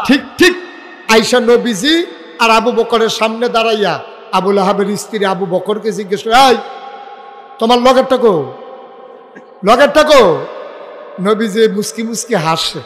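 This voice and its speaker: High-voiced preacher guy, shouting to the crowd at an outdoor gathering, long echo off the speakers. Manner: shouts calls for responses to the crowd, jokes. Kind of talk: fiery storytelling sermon.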